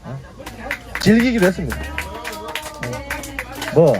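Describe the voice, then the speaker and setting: A man's voice: sits high, noisy background. A man in his fifties hosting a casual news briefing, prodding his viewers with short tag questions. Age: 50s. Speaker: YouTube news briefing host. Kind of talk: casual spoken commentary.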